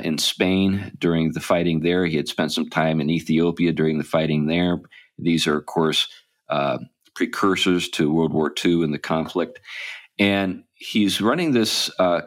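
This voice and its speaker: A man's voice: sits low, fairly even intonation, unhurried. A man hosting a podcast, talking casually and rambling with many ums and restarts. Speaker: podcast host. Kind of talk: casual chat.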